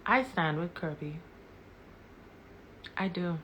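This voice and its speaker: A woman speaking to her live-stream viewers with passion, hammering her points home by repeating words and questions. Her voice sits a little low but comes across bright and forceful. She talks straight to her audience as a commentator. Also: expressive, takes it slowly, slight background noise.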